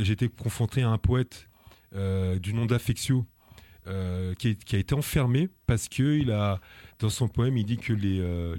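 A man from France, an activist guest, telling his story in an interview, halting and often restarting his words. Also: fairly low pitch, a little mellow, no echo. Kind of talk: personal testimony in an interview.

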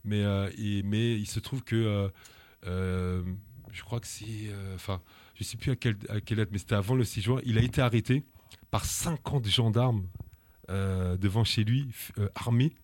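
A man from France, an activist guest, telling his story in an interview, halting and often restarting his words. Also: lowish voice. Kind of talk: personal testimony in an interview.

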